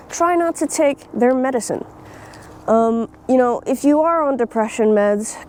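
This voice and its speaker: A young woman speaks straight into her phone while out in nature, her voice a touch high yet mellow and soft-edged. She talks bluntly, swears without a second thought and laughs now and then. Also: a little hiss or hum. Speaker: vlogger. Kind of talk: casual opinion vlog. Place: outdoors in nature.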